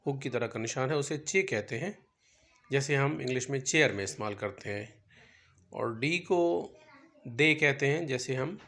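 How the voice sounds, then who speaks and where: A man teaching a beginner language lesson, patiently spelling out each letter's sound one by one. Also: medium pitch. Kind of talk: slow instructional explanation.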